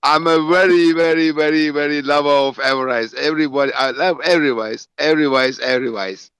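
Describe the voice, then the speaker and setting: A man from Turkey speaking English, effusive and halting, repeating his thanks in a casual live chat. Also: a little high, fairly even intonation, fairly bright tone, clear, resonant tone, no echo. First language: Turkish. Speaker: community member speaking on a live audio chat.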